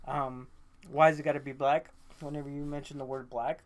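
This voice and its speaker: A man's voice: medium pitch, flat delivery, brisk. Laughing, joking podcast co-host man. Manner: laughing often, joking, swearing. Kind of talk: casual chat.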